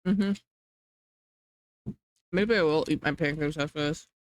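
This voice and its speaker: A streamer talks loosely into a close desk mic, piling up "like"s and restarts while reading chat aloud between bites. The sound is dry and close with no room around it, and the pitch sits in a middling register. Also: quick pace, no echo. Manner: rambling, hedging with many "like"s, reading chat aloud. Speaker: livestreamer.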